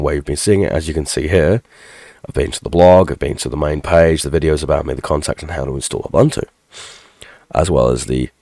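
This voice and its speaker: A congested man in his thirties with a cold rambles through a casual update for his tech tutorial channel, walking through his screen, restarting sentences and poking fun at himself. His voice is extremely low and dark with heavy gravelly fry. The recording is close and dry, with no room sound.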